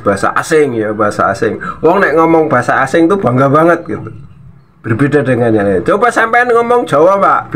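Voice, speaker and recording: A man's voice: mid-range voice, fairly bright tone, slight background noise. A man hosting a reaction video, scolding and mocking in casual commentary with frequent laughs.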